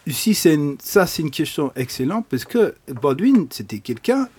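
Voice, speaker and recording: A man with a foreign accent in French, discussing as a panel guest, halting and often repeating words as he builds sentences. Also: on the high side, very animated, a little mellow, slightly rough.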